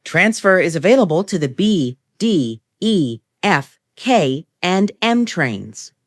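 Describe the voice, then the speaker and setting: A woman with a fairly low voice reads scripted transit announcements as an automated train announcer. Her pitch moves lively across short, formulaic set phrases delivered in a measured way, and the recording is dry with little room echo.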